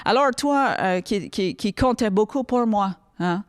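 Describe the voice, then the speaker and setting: A woman reading a sad love poem aloud in a put-on English accent, slow and halting. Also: medium pitch, lively intonation, clear, resonant tone, no echo, clean studio sound, lightly acted. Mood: mock-tragic.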